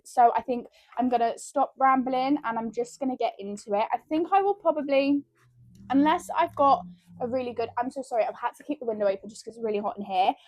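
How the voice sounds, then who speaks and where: A woman chatting casually to her viewers as a book vlogger, excitable and rambling, often calling them guys, in a room at home. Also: fairly high pitch, no echo. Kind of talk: casual vlog chat. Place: room at home with window open.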